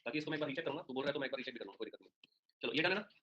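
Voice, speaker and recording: Fast-talking man teaching online. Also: mid-range voice, animated, pushed and bright, highs cut off. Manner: chatty, joking, addresses students by name. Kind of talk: live online class with polls.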